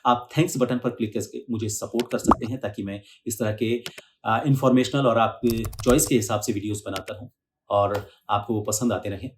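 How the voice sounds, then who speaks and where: A man, hosting a speech lesson, who says hard words slowly again and again, syllable by syllable, and explains in a calm, teaching way with a few fillers. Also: lowish voice, a little hiss or hum. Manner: repeats each hard word slowly several times, syllable by syllable. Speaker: speech coach and channel host. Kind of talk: pronunciation lesson with slow, drawn-out example words.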